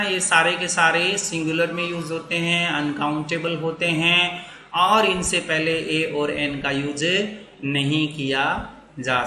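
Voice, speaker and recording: Slow, bright-voiced man teaching in an echoey room. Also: fairly high pitch, slight background noise. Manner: slow, drawn-out dictation of example sentences. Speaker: English teacher. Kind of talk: grammar lesson.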